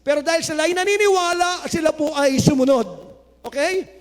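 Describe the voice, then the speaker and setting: A male pastor preaching a sermon, mixing Tagalog and English and rising to loud exclamations of praise. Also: very high-pitched, a little fast. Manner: mixes Tagalog and English, reads scripture aloud. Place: church hall. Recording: hall reverb.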